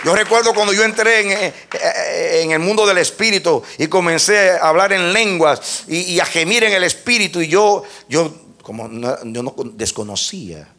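A male preacher delivering a sermon in a fairly high voice that rises and falls with a lively swing. He moves from soft teaching to loud, fervent exclamations. He punctuates his points with frequent amens and hesitant restarts. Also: normal speed, hardly any pauses, a faint crowd.

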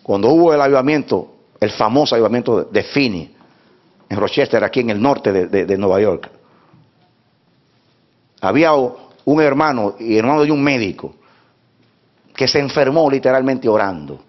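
A man preaching a sermon to his church, moving from hushed talk to shouting and repeating words for emphasis. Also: medium pitch, animated, moderate pace, pauses often. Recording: dull lo-fi sound.

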